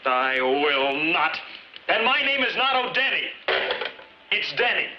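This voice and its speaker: A man's voice: fairly high pitch, big pitch swings, a little slow. An actor playing a flustered, indignant innocent husband under police questioning, a man in 1950s screwball comedy banter. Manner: earnest, exasperated, protesting. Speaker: murder suspect. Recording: dull, noisy 1950s film soundtrack.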